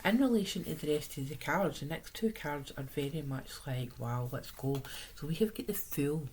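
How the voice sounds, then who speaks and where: A Scottish woman speaks in a low voice made hoarse by a sore, swollen-sounding throat. She chats casually as a tarot reader, drifting into little asides. A light background noise sits behind her. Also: expressive, moderate pace, a little mellow, low-quality recording. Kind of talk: casual chatty tarot reading.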